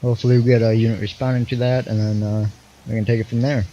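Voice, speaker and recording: A man's voice: mid-range voice, level tone, quick pace, dark tone. A man giving casual, idle commentary as he plays through a police role-play stream. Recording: dull lo-fi mic, faint noise.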